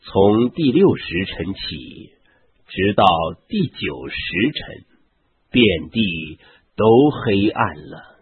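Husky, low-voiced man reading scripture. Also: huge pitch swings, takes it slowly, no room sound. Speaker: scripture reader. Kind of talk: Bible passage reading. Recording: tinny phone-like, dry sound.

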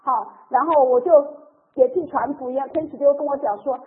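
High-voiced woman giving testimony. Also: a little fast. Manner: emotional storytelling, particles 哦 and 哈. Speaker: church member giving testimony. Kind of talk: personal faith testimony. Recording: tinny phone-like radio sound.

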